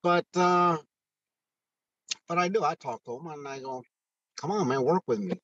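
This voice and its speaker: Speaking by phone in a candid conversational interview, a retired first sergeant from Mexico, in his sixties, sounds earnest and heartfelt while halting through restarts and fillers. His voice runs on the high side with a fairly bright tone. The recording is dry and the highs are cut off.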